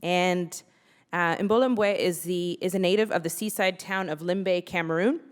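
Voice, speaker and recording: A woman hosting an author talk on stage, enthusiastic and quick to laugh. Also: on the low side, fairly even intonation, smooth. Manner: enthusiastic, warm, laughing asides. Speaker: interviewer. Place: public library event hall. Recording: long reverb of a hall.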